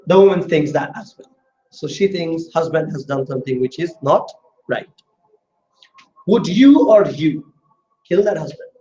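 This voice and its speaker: A man's voice: fairly high pitch, expressive, a little slow, pauses often, mellow. A man teaching a law class in a classroom, explaining step by step and questioning his students. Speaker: law tutor. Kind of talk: classroom lecture. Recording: roomy, dull lo-fi classroom audio.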